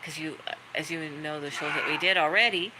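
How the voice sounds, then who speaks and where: Chatting casually to viewers, this middle-aged livestream host rambles through stories in a warm, talkative way. She speaks fairly quickly in a low voice with a steady tone. There's background noise, including barking dogs.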